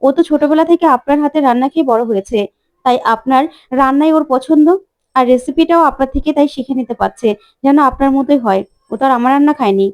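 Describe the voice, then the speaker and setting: A woman voicing a polite, gentle young bride in a soap-opera recap. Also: high-pitched, quick pace.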